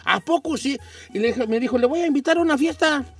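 A man's voice: very high voice, animated, quick pace, recorded from a distance, soft background music. A Mexican man from Michoacán hosting a radio show, telling a rambling, slangy story in a casual chat.

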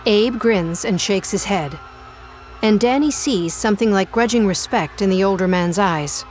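A woman giving measured, suspenseful scripted narration for an audio drama. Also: medium pitch, darkish tone, slight background noise.

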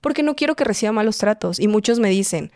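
Mexican girl in her 20s just chatting on a podcast, rambly, mid pitch, super dry sound. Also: expressive, fast talker, darkish tone, dry recording. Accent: Mexican Spanish. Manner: chatty, filler-heavy storytelling, often acting out quoted voices. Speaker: podcast guest. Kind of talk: casual conversational interview.

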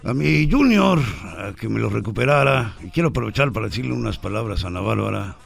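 A man telling a joke as a comedian in a radio sketch, theatrical, with exaggerated drawn-out laughs. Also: fairly low pitch, expressive, gravelly. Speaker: comedian contestant.

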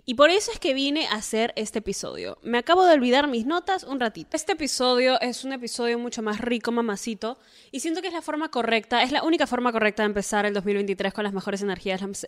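A woman hosting a podcast in a casual chat, playful and showering the listener with flattering pep talk. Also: on the high side, fast. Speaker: podcast host. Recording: long reverb.

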